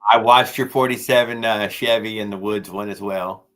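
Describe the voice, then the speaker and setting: A man's voice: fairly low pitch, fairly even intonation, moderate pace, a bit bright. A man chatting casually on his live stream, rambling and often trailing off mid-sentence. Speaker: video creator.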